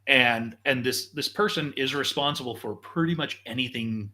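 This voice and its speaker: A man's voice: mid-range voice, normal speed, bright, forceful tone. A man hosting a casual live show, enthusiastically walking viewers through video footage like a tour guide. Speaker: show host.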